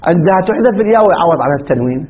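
A man's voice: on the high side, lively intonation, racing, slight background noise. A man teaching a grammar class, posing questions to the room and answering them himself in a lecturing manner. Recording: dull lo-fi recording.

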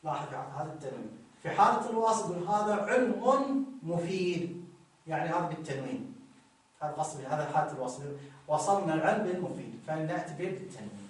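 A man teaching grammar, repeating examples slowly and telling listeners to notice each form. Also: a little high, lively intonation. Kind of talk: explaining grammar rules with examples. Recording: very echoey room, distant mic.

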